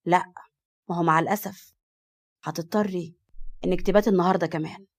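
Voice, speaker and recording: A woman's voice: fairly low pitch, steady tone, quick pace. Woman doing a cocky young Egyptian man. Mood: persuasive. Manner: teasing, dramatic complaining.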